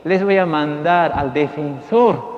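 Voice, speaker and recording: A man voicing a gentle male teacher who comforts his followers with soothing, fatherly reassurance. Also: fairly high pitch, slow pace, big-room sound, muffled recording. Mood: reassuring.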